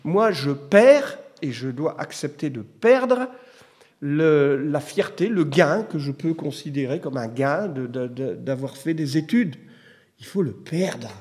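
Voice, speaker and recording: A man's voice: a little high, lively intonation, slow pace, a little mellow, breathy edge. A middle-aged man preaching a sermon in a conversational way, telling personal stories and rising to emphatic bursts. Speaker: pastor.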